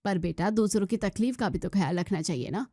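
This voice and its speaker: A woman's voice: mid-range voice, a little fast, warm tone, husky, no echo, studio quality, close to an everyday voice. A woman voicing a snobbish middle-aged friend who complains sniffily.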